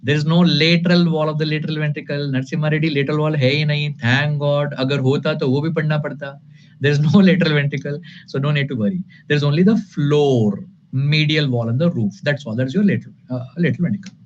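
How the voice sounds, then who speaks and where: In a very fast, rather high voice, an anatomy lecturer with an Indian accent runs a live online exam-prep session. He alternates between Hindi and English, addresses the class as "guys" and "sir," and speaks emphatically and repetitively. The recording is dull, lo-fi, and lightly noisy.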